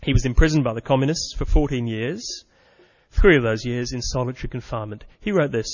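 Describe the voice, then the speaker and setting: A man's voice: medium pitch, a little fast. A man preaching a sermon with earnest, dramatic storytelling. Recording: muffled sound with long hall reverb.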